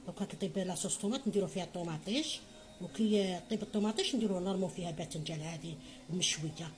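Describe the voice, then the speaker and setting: Fast-talking motherly Algerian woman cooking. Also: mid-range voice, a little mellow, slight background noise. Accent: Algerian Arabic. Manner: chatty, motherly, addresses viewers as her children, frequent blessings. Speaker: home cook. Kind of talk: cooking tutorial.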